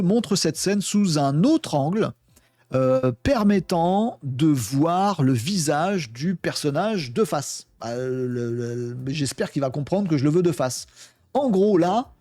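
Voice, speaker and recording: A man's voice: on the high side, mellow, dry recording. A man hosting a casual tech demo, chatting and thinking aloud with lots of fillers and asides to himself. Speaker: tech video host. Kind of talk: casual screen-share demo.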